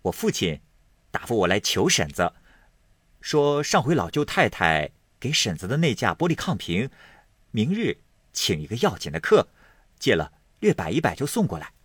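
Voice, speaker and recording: A man's voice: fairly low pitch, wildly swooping pitch, normal speed, a bit bright, husky, no room sound, clean studio sound, voice pushed up, exaggerated voice. A man voicing a coaxing, pleading young nobleman of about seventeen in a storybook reading. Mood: wheedling.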